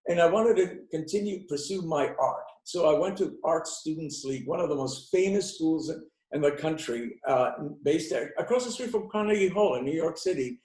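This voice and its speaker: A man's voice: a little high, expressive, normal speed, hardly any pauses, darkish tone. Older man, roomy echo. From Cuba. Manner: rambling anecdotes with many fillers and restarts. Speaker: interview guest, beauty expert. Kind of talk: storytelling interview answers.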